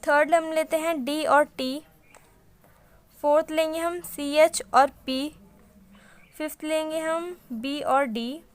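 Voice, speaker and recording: A woman's voice: sits high, fairly even intonation, takes it slowly, long pauses. A woman teaching a shorthand lesson in a casual mix of Hindi and English, explaining each step patiently.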